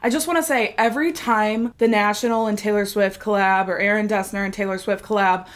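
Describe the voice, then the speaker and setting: A music reaction vlogger, a woman with a mid-range voice, chats quickly and enthusiastically while reacting to a new song, her steady tone thick from a cold-stuffed nose. She gushes in a chatty way full of fillers, and faint music plays behind her.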